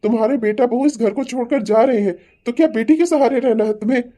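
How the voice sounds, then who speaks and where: A woman's voice: fairly high pitch, quick pace, mellow, natural voice. A woman voicing a stern elderly father-in-law who scolds and lectures his family in a cartoon family drama. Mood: scolding. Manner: scolding, preachy.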